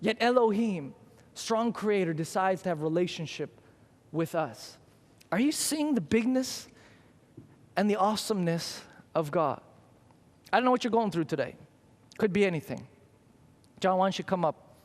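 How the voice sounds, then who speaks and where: Male pastor, high voice, emphatic sermon with repeated phrases and rhetorical questions, long church reverb. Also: expressive, normal speed, long pauses. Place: church sanctuary.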